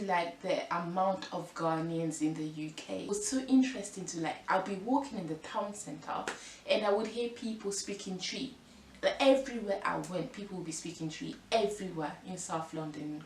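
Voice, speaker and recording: A woman in her twenties from France, vlogging in a casual, rambling way with lots of fillers and restarts. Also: on the low side. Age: 20s. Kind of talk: casual chat to camera. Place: room at home by a window. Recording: echoey room, mic at a distance, faint hiss.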